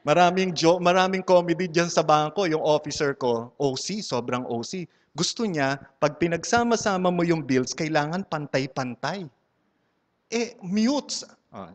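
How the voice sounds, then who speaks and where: A man's voice: a little high, expressive, a little slow. A man with a Filipino accent giving a humorous testimony talk at a church community gathering, a playful storyteller who mixes Tagalog and English and teases his audience. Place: large hall before a live audience. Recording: long hall reverb.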